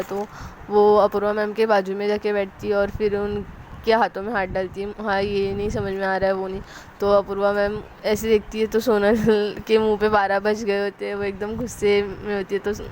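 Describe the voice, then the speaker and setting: A woman's voice: mid-range voice, darkish tone, slight background noise. A woman casually retelling a love story, chatting along and voicing the quoted lines as she goes. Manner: chatty, narrates with quoted dialogue and fillers.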